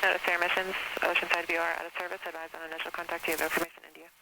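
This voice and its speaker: A man reading a recorded airport weather broadcast in a steady, clipped readout of figures, heard over an aircraft radio. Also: a little high, rapid-fire, vocal fry. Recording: hissy aircraft radio reception.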